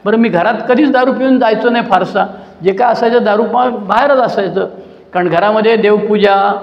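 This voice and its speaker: An older man sharing his personal story at a support-group meeting, telling it with lively voices for the people he quotes. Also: high-pitched, normal speed. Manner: animated storytelling, acting out quoted people with mocking asides. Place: meeting hall. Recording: dull lo-fi recording in an echoey hall.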